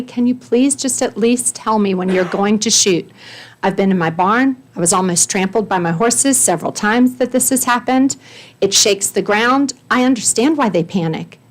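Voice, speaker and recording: Earnest woman pleading at a county meeting. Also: medium pitch. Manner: earnest, pleading, emphatic lists. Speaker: resident speaking at public comment. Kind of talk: reading a prepared public statement. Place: county board meeting room.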